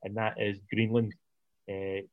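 A man's voice: lowish voice, flat delivery, a little slow, no room sound, phone-quality sound. A man co-hosting a casual film review podcast, rambling and repeating words as he thinks. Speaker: podcast co-host.

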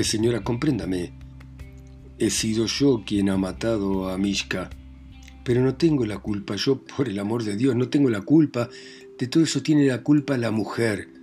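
Groveling, desperate gentleman played by a male narrator, slow begging delivery. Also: lowish voice, soft background music, close to an everyday voice. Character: pleading, humiliated middle-aged man caught under a bed.

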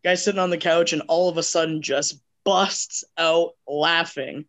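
A man with a fairly high voice tells a rowdy story on a casual podcast. He rambles, swears constantly and leans on fillers as he goes. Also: steady tone, normal speed, fairly bright tone. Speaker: podcast co-host.

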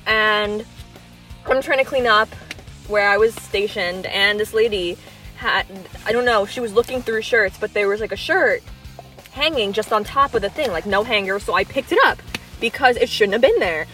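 A woman's voice: medium pitch, moderate pace, bright, forceful tone, soft background music. A young woman co-hosting a podcast, telling stories in a rambling, dry, casual way. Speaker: podcast co-host. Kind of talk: casual chat.

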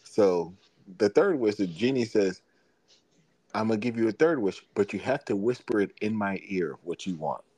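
A low-voiced man co-hosting a podcast, telling a long joke one step at a time. He keeps checking that his listeners follow, and the sound is close and dry. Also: animated, moderate pace, dark tone, slightly rough, dry recording. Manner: plain step-by-step storyteller, adds "right?". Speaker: podcast co-host.

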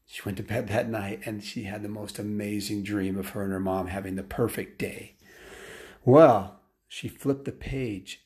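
A man telling a story aloud in a casual, rambling way, full of restarts and fillers, and getting lively at the exciting parts. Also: lowish voice. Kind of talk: improvised bedtime-style story told aloud.

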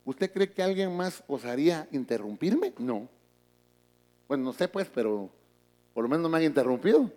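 A middle-aged man, a pastor, preaching a sermon in a church, moving from booming emphasis to hushed asides. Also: animated, moderate pace.

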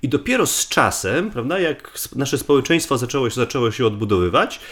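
A man's voice: mid-range voice, very animated, a little fast, fairly bright tone. A man from Poland explains things conversationally as a guest researcher, often repeating words and restarting as he thinks aloud.

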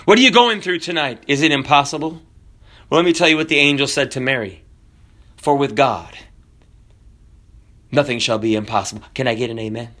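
A man born in Kenya preaching a sermon, fervent, building to near shouts and then dropping low and soft. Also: a little fast, long pauses.

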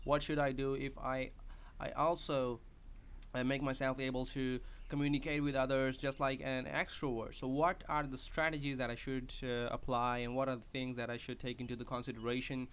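In a mid-range voice with little pitch movement, at normal speed and with a fairly bright, clean tone, a podcast host offers casual advice. He speaks English as a second language and hesitates, using many fillers and restarts.

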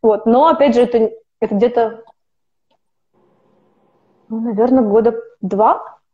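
At a measured pace and with a voice on the high side, an opera student in her twenties talks as a podcast guest. Her casual conversational interview is rambling, full of restarts and self-corrections, and captured on a dull lo-fi recording.

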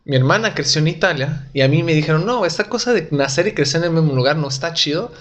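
A man's voice: fairly high pitch, lively intonation, fast talker, fairly bright tone. An Italian-born man in his young adult years, a comedian telling jokes and rambling stories in a casual interview. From Italy. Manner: joking, self-deprecating, rambling. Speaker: comedian guest.

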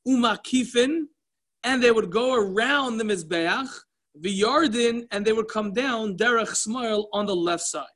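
Bright-voiced man teaching a Talmud class. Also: high voice, unhurried. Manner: conversational, restarts, mixes in Yiddish and Hebrew terms.

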